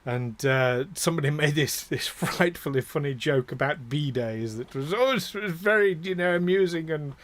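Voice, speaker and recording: A man's voice: a little high, normal speed, few pauses, a bit bright. A man from northern England, hosting a tabletop game show in casual, joking chat and laughing often. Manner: chatty, laughs often, jokey asides. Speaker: game master and show host.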